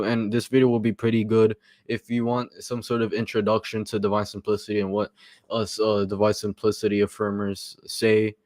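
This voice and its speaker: Hosting a casual livestream, a man with a low, slightly mellow voice gives commentary with a minor stutter, often repeating words and pausing on fillers. The sound is dry and close-miked, without any room echo.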